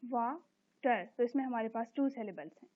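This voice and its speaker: A woman teacher explaining an English lesson step by step, repeating each word slowly. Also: fairly high pitch, steady tone. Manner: explains step by step, repeats words slowly and checks with a recurring "theek hai". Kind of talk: recorded classroom lesson explaining English grammar. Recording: tinny phone-like recording.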